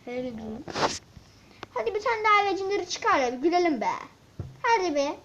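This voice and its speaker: A woman giving casual let's-play commentary, excitable and grumbling as she talks to viewers and the game. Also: extremely high pitch, a little fast. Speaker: gaming channel host. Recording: dull lo-fi mic with faint hiss and clicks.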